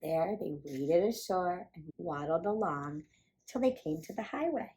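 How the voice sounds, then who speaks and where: A woman hosting a children's storytime, reading a picture book aloud with animated, playful emphasis. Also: fairly low pitch, unhurried, low-quality recording. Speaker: children's storytime reader and host.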